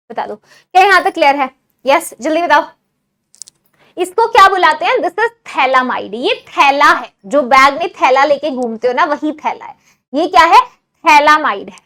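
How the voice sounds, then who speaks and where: A woman giving an online exam-prep chemistry lecture. She mixes Hindi with English phrases and keeps checking with her students, asking if everything is clear. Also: high voice, a bit bright. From India. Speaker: chemistry teacher.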